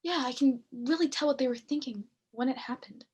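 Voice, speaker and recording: In student stage acting with naturalistic dialogue, a young woman plays a morbidly curious girl on a date, talking casually and a bit hesitantly in a curious, chatty mood. Her voice is high, a little fast, slightly mellow and a touch rough.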